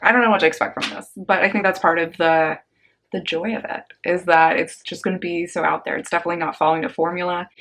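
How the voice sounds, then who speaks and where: A young woman casually chatting about a book haul on her vlog, slangy and upbeat, with quick asides. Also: on the low side, steady tone, fairly bright tone. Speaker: book vlogger.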